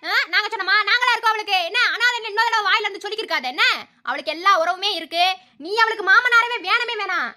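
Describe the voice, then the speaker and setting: Voiced by a performer, a fierce old cartoon grandmother scolds in a Madurai Tamil accent. Her voice is very high and very bright, and she talks at a breakneck pace, mocking and threatening. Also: fast talker, exaggerated voice. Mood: scolding. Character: old mother-in-law, fierce grandmother of the house. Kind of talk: cartoon voice acting.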